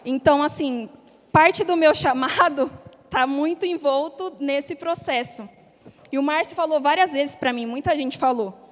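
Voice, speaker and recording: A young woman tells her personal testimony in a high, bright voice. She talks candidly, with plenty of casual slang. Her voice rings with the long reverb of a big church hall. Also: unhurried. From Brazil. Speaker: church member giving testimony.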